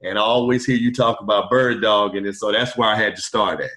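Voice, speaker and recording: A middle-aged man, a podcast guest, telling his story in a relaxed, rambling way with many fillers over a video call. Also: lowish voice, fairly quick. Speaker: podcast guest, truck driver turned wholesaler. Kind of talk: casual storytelling interview. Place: indoor room, video call. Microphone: webcam on video call.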